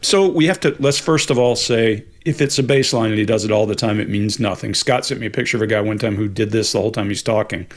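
A man in his late fifties co-hosting a live Q&A over a video call, answering questions in a relaxed, explanatory way. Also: on the low side, fast, few pauses. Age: 50s. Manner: relaxed, explanatory, laughs easily. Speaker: co-host. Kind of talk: casual live Q&A chat. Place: home office with bookshelves. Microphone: video call webcam.

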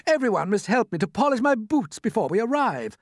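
A man voicing a vain, fussy centipede in a children's story, self-important and excitable. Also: high voice, a little fast, no room sound, studio quality, voice pushed up, heavily acted.

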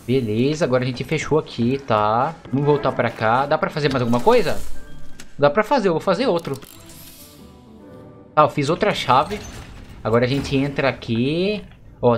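A man from Brazil giving excitable, chatty let's play commentary to his viewers. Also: medium pitch, moderate pace, faint music behind. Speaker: gaming YouTuber.

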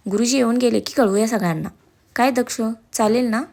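A woman voicing a gentle, emotional middle-aged mother. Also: a little high, a little fast, creaky.

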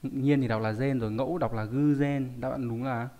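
A man's voice: medium pitch, fairly even intonation, moderate pace, dark tone. A man teaching a live online lesson, reading out viewer names and explaining word readings with frequent rhetorical questions. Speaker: Japanese teacher.

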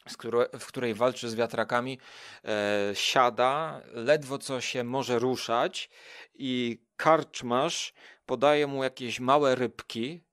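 A man's voice: mid-range voice, steady tone, takes it slowly, a bit bright, clean tone, no echo, clean studio sound. A man chatting casually as a podcast guest, rambling with many fillers and restarts. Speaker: podcast guest, food show creator. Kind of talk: casual chat.

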